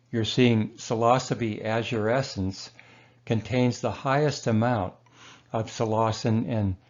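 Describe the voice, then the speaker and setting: A man narrates a slideshow lecture in a loose, easygoing way, often pausing on fillers and correcting himself mid-phrase. His voice sits fairly low, and the recording sounds a little dull and muffled. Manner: relaxed, rambling, with frequent fillers and self-corrections. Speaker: herbalist lecturer.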